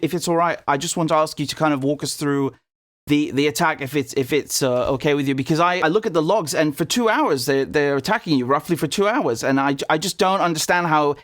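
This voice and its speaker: A man's voice: on the high side, a little fast, fairly bright tone, no echo. A man in his thirties from the United Kingdom introduces his guest and asks questions earnestly, often restarting his sentences. The audio is close and dry. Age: 30s. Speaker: interview host. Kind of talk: conversational interview.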